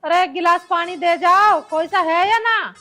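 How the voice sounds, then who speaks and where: An actress playing a sharp-tongued, bossy village mother-in-law who scolds in rural speech. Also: very high voice, normal speed, soft background music. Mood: scolding. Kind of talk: rural comedy drama acting.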